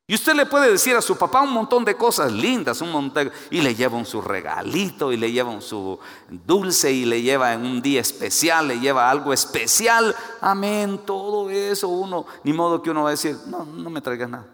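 A man preaching a sermon, shifting between loud exhortation and hushed asides. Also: on the high side, lively intonation, moderate pace. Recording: echoey hall.

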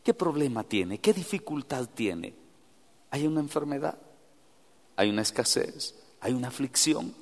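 A man preaching a sermon who moves from hushed, near-whispered asides to loud, fervent exhortation and calls his listeners brother. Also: medium pitch, animated, unhurried. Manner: addresses listeners directly as brother. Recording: long hall reverb.

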